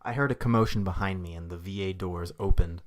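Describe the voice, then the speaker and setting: A man co-hosting a comedy podcast, narrating an improvised story in a deadpan way. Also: sits low, a little fast.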